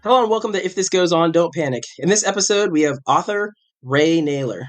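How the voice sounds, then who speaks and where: A podcast host in his forties, a little sick with a cough, chats casually in a rambling, self-correcting way full of restarts. His voice is a little high and expressive, moving at a quick pace over faint background music.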